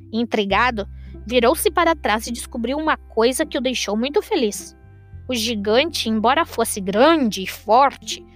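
A woman telling a fairy tale as a radio storyteller, reading in an expressive, measured way. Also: high-pitched.

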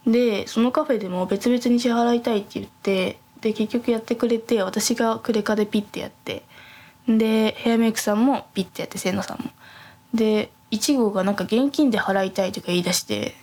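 A young woman hosting a podcast, telling a travel story in a soft, quiet voice, rambling with many fillers and self-corrections. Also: a little high, steady tone, a little fast. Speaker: podcast host. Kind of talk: casual storytelling chat.

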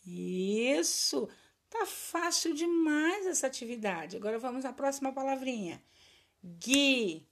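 A woman's voice: high voice, lively intonation, a little slow. A woman teacher giving a recorded lesson for children, drilling words in a patient sing-song and praising her pupils.

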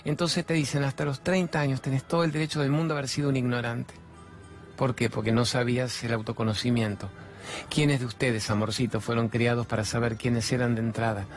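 Animated Argentine man giving a spiritual talk. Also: mid-range voice, fairly quick, faint music behind. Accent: Argentine Spanish. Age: over 50. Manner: animated, colloquial, slips into voices for quoted speech. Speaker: spiritual speaker. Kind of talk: motivational spiritual talk to an audience.

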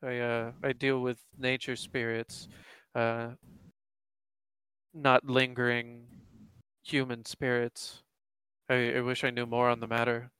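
A man role-playing in a tabletop game, hesitant and measured, with formal wording. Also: medium pitch, completely flat delivery, fairly bright tone, clear, resonant tone, no room sound. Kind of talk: in-character role-play.

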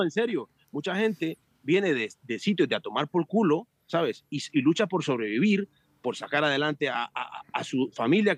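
A man chatting as a podcast guest, telling animated stories, joking and swearing freely over a remote call. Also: fairly high pitch, breathy edge, no room sound. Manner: animated storyteller, swears, jokes. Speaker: podcast guest, amateur cyclist. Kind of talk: casual chat.

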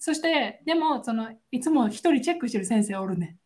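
A woman's voice: fairly high pitch, expressive, brisk, a little mellow. A woman with a Kansai accent chatting casually as a podcast co-host, explaining phrases and laughing often. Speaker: podcast co-host, Japanese teacher. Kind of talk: casual chat.

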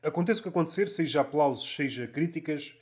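A man's voice: a little high, lively intonation, fast talker. A man in casual conversation, thinking aloud in colloquial language. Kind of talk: casual chat.

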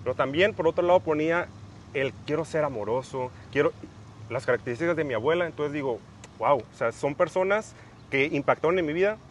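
A man's voice: fairly high pitch, a little fast, a little hiss or hum. A young man hosting a casual podcast, thinking aloud with frequent restarts and fillers. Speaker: podcast host.

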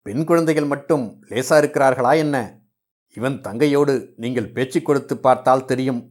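A man's voice: medium pitch, moderate pace, darkish tone, lightly acted. A man voicing a jovial, boastful older man who is hosting guests in a read-aloud novel. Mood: hearty. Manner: hearty, boastful.

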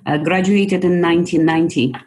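A woman's voice: lowish voice, fairly even intonation, a little fast, darkish tone, rough recording. A woman, answering interview questions thoughtfully with small grammar slips. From Ukraine. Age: 50s. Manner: thoughtful, a bit hesitant, non-native grammar slips. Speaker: guest physician.

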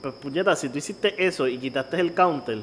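A man with a Puerto Rican accent co-hosting a casual podcast chat, animated and swearing freely. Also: a little high, fairly quick, big-room sound, slight background noise. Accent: Puerto Rican Spanish. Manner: animated, swearing, acts out old ladies in his stories. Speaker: podcast co-host.

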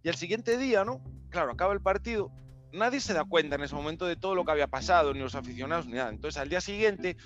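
High-voiced podcast storyteller. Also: male voice, fast talker. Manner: animated, slangy, with mouth sound effects. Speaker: podcast host. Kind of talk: casual storytelling. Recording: dull lo-fi with faint music.

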